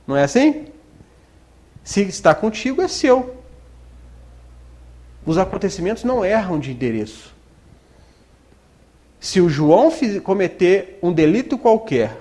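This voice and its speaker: A man's voice: fairly high pitch, a little mellow. A man from Brazil giving a spiritist lecture in a conversational style, full of rhetorical questions and acted-out quotes. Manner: acts out quoted voices. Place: spiritist center hall.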